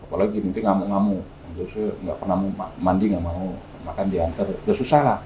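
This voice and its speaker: Animated male storyteller in an echoey room. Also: low voice, brisk, slight background noise. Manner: lively storyteller acting out quoted dialogue. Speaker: guest spiritual healer. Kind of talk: casual storytelling chat. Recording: echoey room with faint music.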